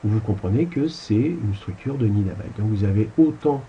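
A man's voice: fairly low pitch, lively intonation, a little fast, dull audio, slight background noise. A man giving a casual spiritual lecture over slides, rambling and colloquial, with crude asides. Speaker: spiritual teacher.

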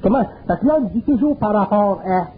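High-voiced Quebec man lecturing earthily. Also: lively intonation, fairly quick, slight background noise. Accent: Quebec French. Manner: colloquial, earthy, emphatic. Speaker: speaker. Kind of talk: spiritual lecture. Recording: narrow phone-like old tape.

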